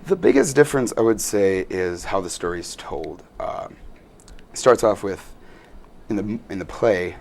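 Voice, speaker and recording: A man's voice: sits low, animated, moderate pace, creaky, darkish tone. A young man, a student actor, answering interview questions in an earnest, rambling way with many fillers.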